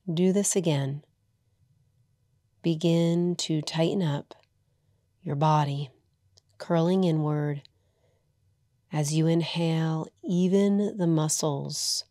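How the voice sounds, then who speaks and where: A yoga nidra teacher guides a meditation in a soothing, hushed, low-pitched voice, leaving long pauses between short phrases. The recording is dry, with clean studio sound.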